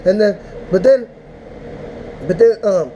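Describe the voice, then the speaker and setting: A man casually recapping a rap battle, rambling and animated, with mock-emotional outbursts. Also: high-pitched, takes it slowly, lo-fi sound, slight background noise. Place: indoors, smoking while talking.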